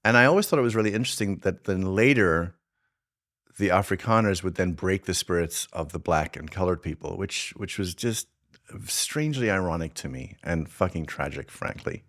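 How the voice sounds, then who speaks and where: A man from South Africa with a light South African accent and a very low voice hosts his own show. He thinks aloud as he talks, circling back and restarting his sentences. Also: animated, normal speed, a bit bright. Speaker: podcast host and filmmaker. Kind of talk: casual reflective monologue.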